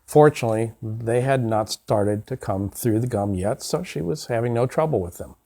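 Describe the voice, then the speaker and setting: An older man, an oral surgeon, giving a scripted educational narration of case histories in a measured, formal manner with emphasis on key words. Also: mid-range voice, warm tone. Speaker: oral surgeon presenting cases.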